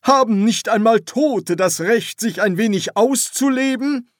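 A man's voice: mid-range voice, sing-song, measured pace, breathy edge, no room sound, studio quality. A man voicing the indignant ghost of a dead pharaoh in an audiobook. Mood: exasperated. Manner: indignant, grumbling.

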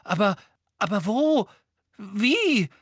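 Man voicing a high, fretful teen girl. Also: moderate pace, fairly bright tone, no room sound, studio quality. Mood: worried. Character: anxious teenage schoolgirl, clever and insistent.

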